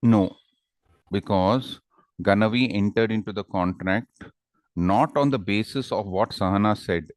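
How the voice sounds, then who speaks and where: Low-voiced South Indian man teaching, dry sound. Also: unhurried, no room sound. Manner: informal, often ends phrases with questioning tags. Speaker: teacher of an online law class. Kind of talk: conversational lecture with examples and check questions. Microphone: headset microphone.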